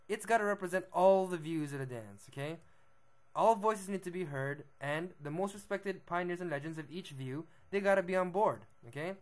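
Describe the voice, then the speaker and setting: Young male b-boy vlogger, a little high-pitched, laid-back lecture tone, constant "right?" check-ins. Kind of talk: casual explanatory monologue.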